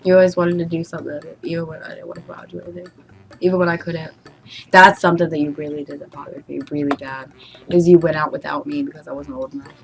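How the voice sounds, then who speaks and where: Low-pitched young American woman chatting. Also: quick pace, creaky. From United States. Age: young adult. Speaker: vlogger answering an ex's questions. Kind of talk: casual chat.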